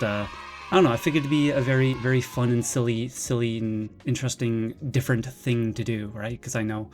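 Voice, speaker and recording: A man streaming from his bedroom, chatting casually, rambling and excitable, with lots of restarts and a slightly nervous, jittery edge. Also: lowish voice. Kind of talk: casual live-stream chat.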